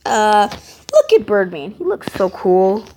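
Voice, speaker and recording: A woman's voice: mid-range voice, big pitch swings, measured pace, darkish tone. A woman YouTuber giving playful, chatty let's-play commentary and talking back to the game.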